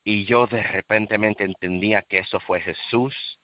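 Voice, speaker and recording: A man giving an earnest, emotional personal faith testimony, repeating himself and rising high when he relives shouting. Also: fairly even intonation, unhurried, dry recording, highs cut off. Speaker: guest sharing a faith testimony.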